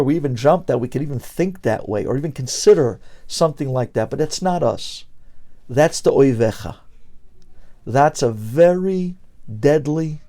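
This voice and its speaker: A man giving a passionate Torah lecture as a rabbi, swinging between loud emphasis and hushed lines, with Hebrew phrases mixed in. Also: mid-range voice.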